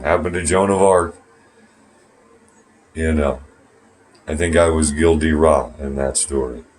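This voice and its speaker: A man's voice: very deep voice, a little mellow, slight background noise. A man talking to his phone camera from a small bathroom, rambling, swearing, and turning sarcastic. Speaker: vlogger. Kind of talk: rambling casual monologue to camera. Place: small warm bathroom at home.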